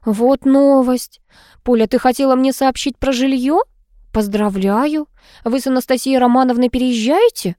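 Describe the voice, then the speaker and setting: A woman's voice: sits high, normal speed, dark tone, no echo, clean studio sound, pitched above the performer's own voice, lightly acted. A woman voicing a pushy, quarrelsome middle-aged housekeeper who fires off indignant questions in an audiobook. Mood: exclaiming.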